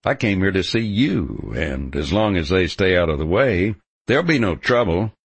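Man playing a bold, gravelly drifting cowhand. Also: low-pitched, big pitch swings, normal speed, no echo, heavily acted. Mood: defiant. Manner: confident, blunt. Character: bold, stubborn drifting cowhand, cocky and romantic. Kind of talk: audiobook character dialogue.

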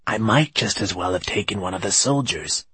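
Guy doing a scolding little old moss woman healer, raspy and gravelly, slow and swoopy, storybook reading. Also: lowish voice, lively intonation, fairly bright tone, no room sound, full character voice. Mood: impatient. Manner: gruff, scolding, drawn-out words. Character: tiny old female moss woman healer, blunt and scornful.

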